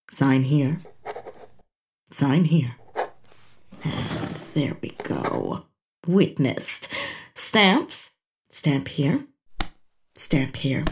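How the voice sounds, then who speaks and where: A woman playing a dry, dutiful poet in a comedic audio drama, speaking in a deadpan, matter-of-fact way. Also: low-pitched, a little hiss or hum.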